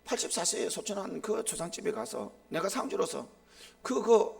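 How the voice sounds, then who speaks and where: A middle-aged man preaching a live sermon as a pastor, impassioned, swinging sharply between loud and hushed. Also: high voice, sing-song, moderate pace, vocal fry.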